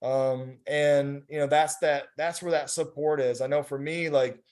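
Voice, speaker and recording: A man's voice: a little high, steady tone, unhurried, darkish tone, clear, resonant tone. A man leading a focus group discussion, talking casually and rambling with many fillers over a video call. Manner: rambling, heavy on fillers like "you know".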